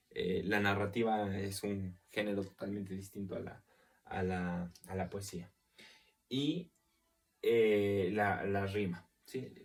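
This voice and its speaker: A man with a fairly low voice gives a literature lesson at an unhurried pace. He explains step by step, counts syllables out loud and keeps checking that his students follow. His voice sits a little back from the microphone. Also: recorded from a distance. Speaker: literature teacher. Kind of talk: recorded class lecture.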